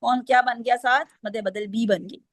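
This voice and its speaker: A woman's voice: fairly high pitch, steady tone, normal speed, no room sound. A woman teaching Quranic recitation rules, explaining step by step and quizzing her students. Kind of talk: online class lesson.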